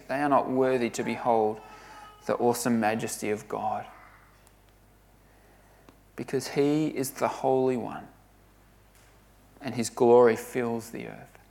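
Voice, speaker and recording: A man delivers a sermon at a middle pitch, earnest and emphatic. He leans hard on key words, then sinks to a near hush to drive a point home. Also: fairly even intonation, a little slow, vocal fry, long pauses. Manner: earnest, emphatic preaching with dramatic drops to a hush. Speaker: preacher.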